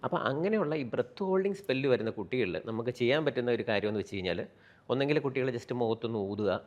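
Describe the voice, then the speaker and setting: A man who is a pediatrician with a Kerala Malayalam accent, calmly explaining child health and dropping in English medical terms. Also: medium pitch, quick pace, dull audio. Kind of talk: explaining to an interviewer.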